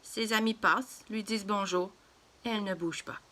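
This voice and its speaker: A woman reading a children's story aloud in a gentle, expressive way. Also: medium pitch, moderate pace.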